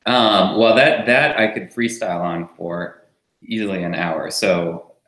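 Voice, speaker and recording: In a relaxed interview, a startup co-founder raised in France talks easily as the guest, rambling with fillers and laughing often. His voice is deep, a little slow and fairly bright, with a roomy sound.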